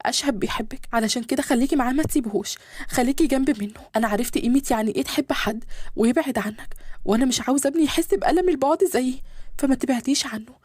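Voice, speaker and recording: A woman with an Egyptian accent voicing a proud, wounded wealthy mother who speaks high and reproachfully in a storybook reading. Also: racing, darkish tone, breathy edge, no room sound. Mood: firm. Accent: Egyptian Arabic.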